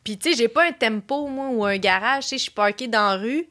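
A young woman with a Quebec French accent, guest in a casual chat, animated and laughing, sometimes yelling for effect. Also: fairly high pitch, fairly quick.

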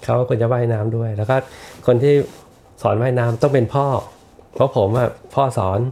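A middle-aged man talking as a podcast guest in a reflective, unhurried way, often restarting and repeating words. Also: medium pitch, fairly even intonation, warm tone, a little hiss or hum. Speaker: podcast guest, architect and teacher. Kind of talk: casual podcast conversation.

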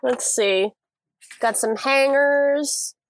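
A woman's voice: high-pitched, extremely slow. A woman co-hosting a podcast in casual chat over a video call, recording from inside a small clothes closet, chatty and upbeat, laughing easily. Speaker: podcast co-host.

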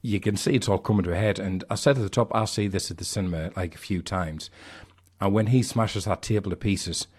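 A man giving a thoughtful, measured film review in casual podcast chat. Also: low-pitched, darkish tone. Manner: thoughtful, measured analysis with conversational asides.

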